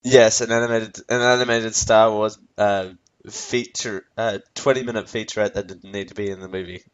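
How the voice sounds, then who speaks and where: A man's voice: on the low side, flat delivery, normal speed, smooth, lo-fi sound. A man hosting a casual film review, rambling and correcting himself as he talks to his audience. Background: faint background music.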